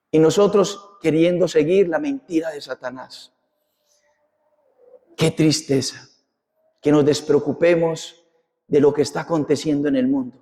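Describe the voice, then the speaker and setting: A man's voice: high-pitched, a little mellow. A man preaching a sermon as a parish priest, impassioned and repetitive, with rhetorical questions. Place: church. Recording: long church reverb.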